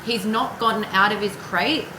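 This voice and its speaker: The recording, made in a reverberant room with noticeable background noise, captures a tarot card reader talking at normal speed in a medium-pitched voice. Her reading is relaxed and meandering, dotted with personal tangents and the odd swear word.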